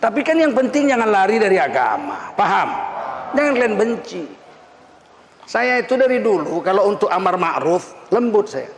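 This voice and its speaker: High-voiced preacher in an echoing hall. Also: male voice, big pitch swings, normal speed, noisy background. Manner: teasing, laughing, mimics people he mentions. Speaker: Islamic preacher. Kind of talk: lively humorous sermon. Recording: echoey hall, faint ambience.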